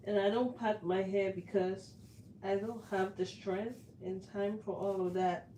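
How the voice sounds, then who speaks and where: A woman's voice: medium pitch, steady tone, measured pace, dark tone, a little hiss or hum. A young woman from Cameroon chatting casually with viewers on a live stream. She is easygoing and laughs often. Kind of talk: casual livestream chat to viewers.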